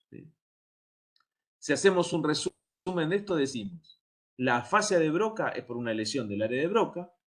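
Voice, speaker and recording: A man giving a university lecture, explaining step by step and often checking that his students follow. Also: mid-range voice. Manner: explanatory, checks understanding with frequent "¿sí?".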